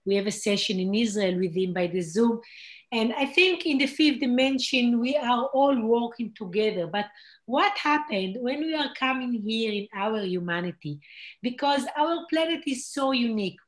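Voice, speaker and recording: Female host, fairly high voice, earnest manner, non-native English. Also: normal speed. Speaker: host of spiritual group meeting. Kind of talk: casual group talk.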